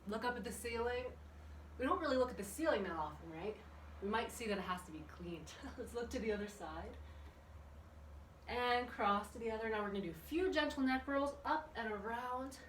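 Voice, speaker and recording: A woman with a slightly high, animated voice talks a little fast while running a children's exercise class, encouraging and chatty, asking the viewers questions. The recording comes from a camera at a distance in an indoor room with open windows, echoey and noisy in the background.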